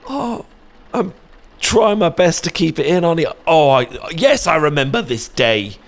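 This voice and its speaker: Playing a fond, playful young best friend, this British man chats and teases through an intimate ASMR roleplay, slipping in soft tag questions. His gravelly voice runs a little high with big swings in pitch at a normal speed, and the mood is amused and nostalgic.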